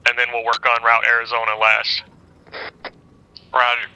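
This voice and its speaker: Guy on the team radio, static bursts, really sharp bright voice, flat delivery, clipped over-and-out calls. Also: medium pitch, moderate pace, muffled recording. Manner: clipped radio calls, casual slips in between. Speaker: team leader on squad radio. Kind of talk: military radio procedure in a game.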